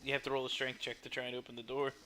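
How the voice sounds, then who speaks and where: A man's voice: medium pitch, completely flat delivery, very fast, sharp tone, slight background noise. A man acting as game master for a tabletop game, describing scenes and laughing often.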